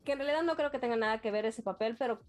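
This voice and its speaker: A woman with a Mexican accent, co-hosting a casual chat and retelling events in animated detail. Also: a little high, very fast. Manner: animated storyteller, acts out quotes.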